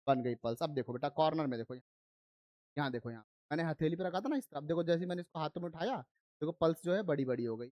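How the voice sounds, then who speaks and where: A man's voice: fairly high pitch, dry recording, dull audio. A man teaching an online physics lesson, explaining step by step and often checking that his students are following. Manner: switches between Hindi and English terms. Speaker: science teacher.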